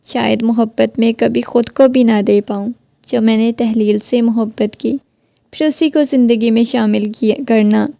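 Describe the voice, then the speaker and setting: A woman's voice: fairly high pitch, fairly even intonation, vocal fry, mellow, no echo. A woman reading the lines of a stern, defensive young husband in a firm, reasoning voice.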